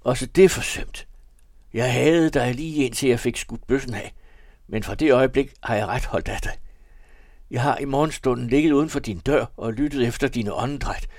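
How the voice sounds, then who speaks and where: A man's voice: mid-range voice, darkish tone, no echo, studio quality, voice pushed up, close to an everyday voice. A man voicing a desperate, remorseful young man who pleads in a raised voice while reading a novel aloud. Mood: pleading.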